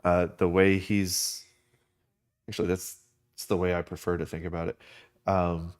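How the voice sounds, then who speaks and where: A man's voice: low voice, little pitch movement, moderate pace, clear, resonant tone. A man from the United States chatting casually on a drawing live stream, rambling with many fillers and restarts.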